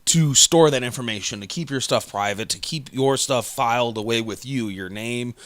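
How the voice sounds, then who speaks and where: A podcast co-host chats casually, rambling with lots of fillers and restarts. He has a medium-pitched, slightly bright voice at a moderate pace, recorded with no room sound.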